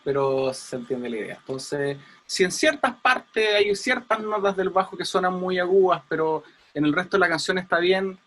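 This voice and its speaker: A man's voice: mid-range voice, a bit bright. A man teaching an audio class over a video call, chatty and explaining with everyday comparisons. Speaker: audio engineering instructor.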